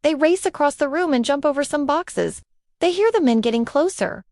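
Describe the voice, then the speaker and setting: A woman's voice: high voice, animated, moderate pace, a little mellow, dry recording, studio quality. A woman narrating a storybook and reading every part and cue aloud.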